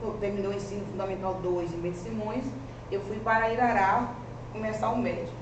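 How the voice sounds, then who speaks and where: Speaking a little fast in a mid-range voice with fairly even intonation, a forties-aged teacher and master's student from rural Bahia gives a free-spoken research seminar talk. Her strong rural Bahian Brazilian Portuguese accent comes through as she speaks earnestly and conversationally, often restarting. The room audio is noisy, distant, and echoey.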